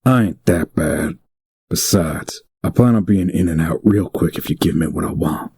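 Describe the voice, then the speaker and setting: Deep-voiced Jonah Hex, grizzled bounty hunter, played by a man. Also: normal speed, gravelly, warm tone. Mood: gruff, wry. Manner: laconic, wry, tough-talking. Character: grizzled, cocky male Wild West bounty hunter. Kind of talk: first-person audio drama narration.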